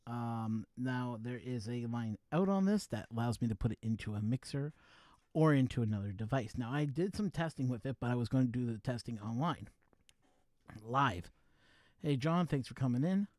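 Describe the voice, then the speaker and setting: A man's voice: medium pitch, expressive, normal speed, darkish tone, dry recording. A man hosting a casual live stream, chatting loosely to his viewers as he tinkers with his gear. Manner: rambling, chatty, talks to his viewers while fiddling with gear. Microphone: wireless USB microphone.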